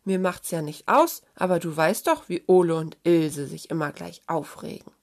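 A woman's voice: fairly low pitch, normal speed. A woman voicing a friendly, easygoing male sled dog in a children's story. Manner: relaxed, brotherly.

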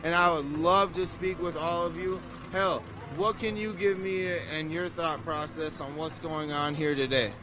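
A man's voice: on the high side, normal speed, few pauses, background noise. A man protester in a street interview, choked up, speaking earnestly and emotionally outdoors.

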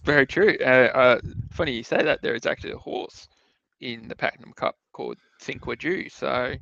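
An Australian man co-hosting a podcast of casual sports betting chat, with a hesitant, halting delivery. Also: medium pitch, gravelly, bright, forceful tone, no room sound. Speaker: podcast co-host. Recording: dull, close dry sound.

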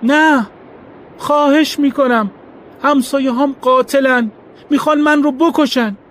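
A man voicing a desperate, hunted man who begs and shouts in panic, in a storybook reading. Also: very high voice, steady tone, voice pushed up. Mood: pleading. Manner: frantic begging, shouting.

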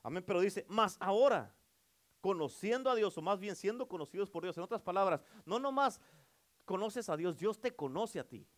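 A man preaching, his voice sitting a touch high for a man. He pushes his points hard, calls out for amens from the congregation and swings from near-shouts down to quiet, pressing asides. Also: lively intonation, fairly quick. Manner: emphatic preaching with call-and-response, swinging between loud and soft. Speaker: pastor. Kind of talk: sermon.

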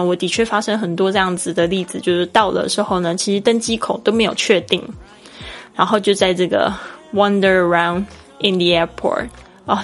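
In a mid-range voice, a woman from Taiwan teaches English on her podcast, her Taiwanese Mandarin accent clear as she explains things chattily. She spells words letter by letter, acting as both English teacher and podcast host.

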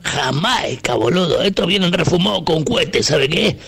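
A man puts on a crude, rambling Argentine bloke with an Argentine accent. The voice sits a little high and grinds with gravel. He swears freely and wanders from one complaint to the next. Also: expressive, normal speed, a little hiss or hum. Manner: rambling, swearing, slips into rough shouting. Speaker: comic radio character. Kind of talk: comic phone-in character bit.

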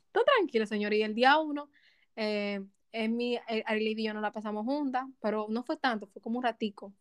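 A young woman co-hosting a podcast, telling stories in a lively, slangy way. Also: medium pitch, clean tone. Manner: animated storyteller, slangy. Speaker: podcast co-host. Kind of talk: casual chat.

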